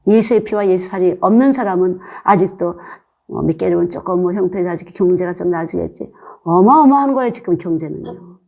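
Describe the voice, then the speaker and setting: Older woman, missionary preacher; earnest conversational sermon delivery, warm dark tone with some fry. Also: lowish voice, a little fast. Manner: earnest, conversational preaching full of rhetorical questions.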